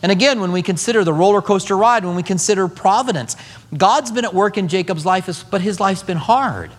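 A man's voice: high voice, fairly quick, long reverb tail. A middle-aged man preaching a sermon as pastor, telling stories with humor. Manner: animated storytelling with humor.

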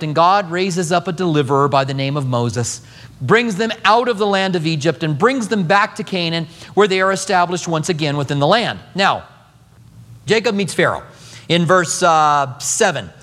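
A man's voice: high-pitched, moderate pace, in a large hall. A middle-aged man preaching a sermon as pastor, telling stories with humor. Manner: animated storytelling with humor.

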